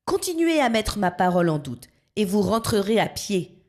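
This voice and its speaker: A woman's voice: mid-range voice, very animated, moderate pace, a little mellow, natural voice. A woman voicing a boastful, bossy male blackbird who talks about himself in the third person. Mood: indignant. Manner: self-assured, bossy, easily offended.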